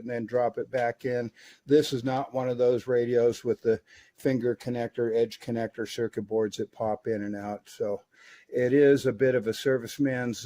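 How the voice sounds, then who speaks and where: In his workshop, a man tries out an old radio and talks about it in an easygoing way, his mid-range voice dotted with fillers.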